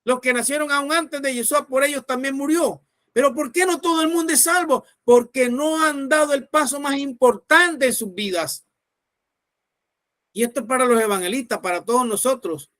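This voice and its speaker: This pastor's voice is very high-pitched and a bit bright, moving at a normal speed with no room sound. He preaches a sermon through storytelling, acting out the people in his tale.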